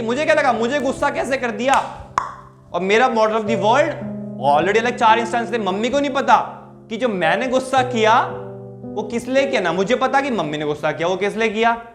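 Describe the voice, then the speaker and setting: A young man, a psychologist, talking through everyday examples in a casual explanatory way and checking in with "right?" and "okay?" as he goes. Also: very high voice. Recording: steady music underneath the voice.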